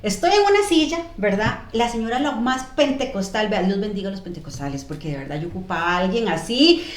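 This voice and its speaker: A woman, a podcast guest, telling her life story casually in an animated, lively way. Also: fast. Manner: animated, lively storyteller who jumps in pitch when quoting herself. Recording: echoey room.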